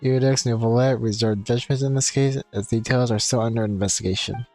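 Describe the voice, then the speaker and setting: A man livestreaming a game chats informally and rambles, reading game text aloud as game music plays. He speaks briskly in a steady, medium-pitched voice with a dark tone, and the recording has no echo.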